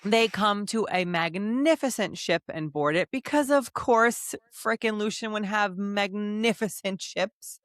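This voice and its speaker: A woman co-hosting a podcast, chatting casually about a book and reading passages aloud with lively reactions. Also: mid-range voice, measured pace, few pauses, no room sound. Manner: animated, gasps and laughs, reads quotes aloud. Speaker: podcast co-host. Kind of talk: casual book club chat.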